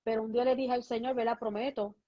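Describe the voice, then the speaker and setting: A woman pastor tells her story as a guest, voicing each person in her conversations with lively back-and-forth. Her voice sits fairly high. The recording sounds dull and lo-fi. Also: quick pace. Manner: lively storytelling, acting out both sides of conversations. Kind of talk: testimony in an interview.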